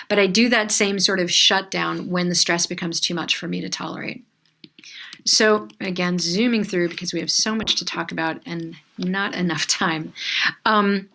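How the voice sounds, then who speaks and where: A woman's voice: medium pitch, fairly bright tone. A middle-aged woman clinical supervisor giving a conversational training lecture, with frequent fillers and asides.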